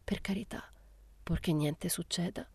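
A woman voicing an anxious, fussy older mother who frets in a hushed, worried way. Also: mid-range voice, unhurried, creaky, no echo, voice pushed up. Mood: whispering. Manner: fretful, hushed.

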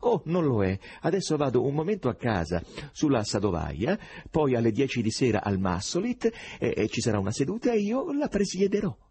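A man doing a jittery, high-strung literary official. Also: big pitch swings, brisk, few pauses, warm tone, slightly rough. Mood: strained polite. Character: nervous middle-aged male literary official.

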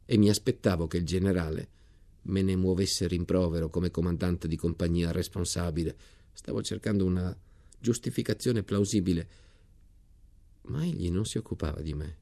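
A man reading a novel aloud in a measured, calm narration. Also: deep voice, creaky. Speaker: reader of a novel.

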